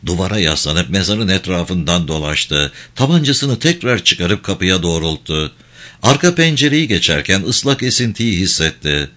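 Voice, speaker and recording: A man reads an audiobook aloud, his voice sitting fairly low. His delivery is steady and measured, yet his pitch moves in lively swings through the action. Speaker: audiobook narrator. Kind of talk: scripted audiobook narration.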